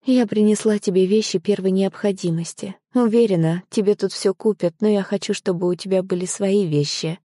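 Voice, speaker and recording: A woman voicing a gentle, tearful middle-aged mother in an audiobook, speaking in a soft, hushed, comforting way. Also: mid-range voice, steady tone, brisk, few pauses, no room sound, clean studio sound, natural voice. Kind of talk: audiobook character voice.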